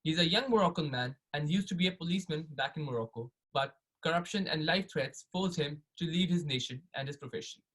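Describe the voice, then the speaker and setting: A man's voice: on the high side, brisk, hardly any pauses, fairly bright tone, low-quality recording. A man who is a student presenter, reading a prepared script for a presentation.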